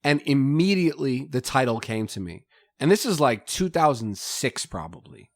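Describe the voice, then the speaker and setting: A man's voice: mid-range voice, sing-song, normal speed, no echo, studio quality. A middle-aged man, a podcast guest, telling stories in a rambling way full of fillers and laughs. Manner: rambling, filler-heavy storytelling with frequent laughs. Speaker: podcast guest, rapper and author. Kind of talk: casual conversation.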